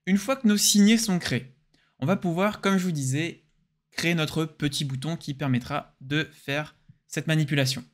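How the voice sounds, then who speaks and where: A young man with a French accent hosts a screen-recorded software tutorial. He explains each step casually and with enthusiasm. His voice sits a little higher than most men's. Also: moderate pace.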